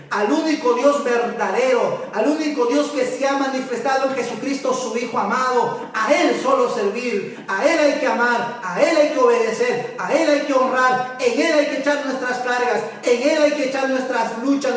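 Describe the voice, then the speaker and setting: Male pastor, very high voice, exhorting sermon cadence with repeated phrases, recorded far off in a booming echo. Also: moderate pace, few pauses. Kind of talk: sermon and closing prayer. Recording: very echoey, voice far from the mic.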